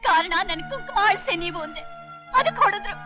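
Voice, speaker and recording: An actress playing a young wife who is wrongly accused, pleading and emotional in a melodramatic film scene. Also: female voice, lively intonation, fairly quick. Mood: tearful. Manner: pleading, tearful, high-strung. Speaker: film character. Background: film score music.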